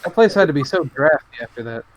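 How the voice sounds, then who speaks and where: A man's voice: fairly high pitch, animated, fast, poor audio. Man in laid-back podcast banter. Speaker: podcast co-host and tabletop player. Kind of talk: casual chat.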